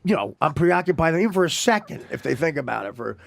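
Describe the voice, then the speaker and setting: A man talking as a guest on a talk show, halting and searching for his words as he speaks candidly. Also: a little high, sing-song, creaky, no echo, clean studio sound.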